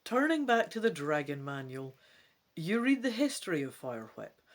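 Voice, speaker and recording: A woman with a low voice hosts a gamebook let's play at a moderate pace. She alternates between dramatic reading aloud and chatty, animated asides in which she questions herself.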